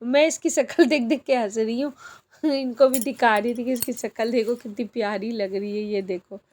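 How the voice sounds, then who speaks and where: This woman's voice is fairly high and a little mellow, with fairly even intonation and a normal pace. She's a vlogger chatting her way through an outing, often turning to speak straight to her viewers as if they were friends, in casual vlog narration.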